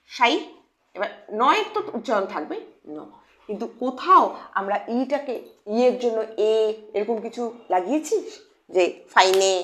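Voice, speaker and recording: A woman teaching English phonics to children in a lively, questioning way. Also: on the high side. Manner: animated, questioning teacher voice addressing kids. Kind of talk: children's lesson.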